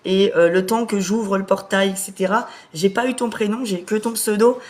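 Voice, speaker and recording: A woman medium hosting a live stream, talking casually with many hesitant fillers as she briskly relays messages. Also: medium pitch, fairly even intonation, a little mellow.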